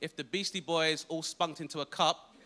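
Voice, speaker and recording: Higher-voiced man roasting, deadpan setups. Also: normal speed. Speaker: roast battle comedian. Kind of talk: stand-up roast insults. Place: comedy club stage before live audience. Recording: loud crowd and noise.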